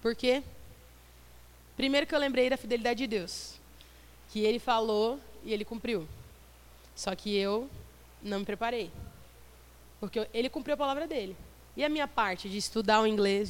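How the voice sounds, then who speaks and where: A young woman preaching at a youth service, telling a personal testimony in an animated storytelling way. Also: on the high side, big-room sound. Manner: animated storytelling, quick asides and laughs.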